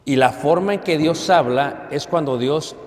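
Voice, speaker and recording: Preacher with booming pauses. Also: male voice. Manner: dramatic pauses, rising to loud emphasis, asks the congregation questions. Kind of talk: sermon. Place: church hall. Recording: long hall reverb.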